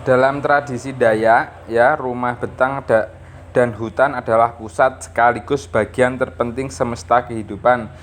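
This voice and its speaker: With a mid-range voice, fairly even intonation and a slightly slow delivery, a man from East Java, Indonesia, teaches as a school teacher. He reads textbook passages aloud and explains them didactically, regularly tacking on little checking tags.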